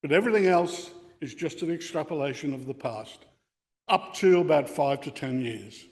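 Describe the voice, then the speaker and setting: The speaker, an older man with an Australian accent, lectures an amateur radio club on technical matters in an indoor meeting room, equipment resting on a bench. His slightly high voice is animated and moderately paced, captured with reverberant hall-like acoustics.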